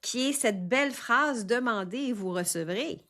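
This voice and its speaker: A woman's voice: a little high, lively intonation, normal speed, fairly bright tone. A woman with a Québécois French accent hosting a podcast, chiming in with remarks and light chuckles. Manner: engaged, chuckling interjections. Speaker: podcast host. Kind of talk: conversational podcast interview.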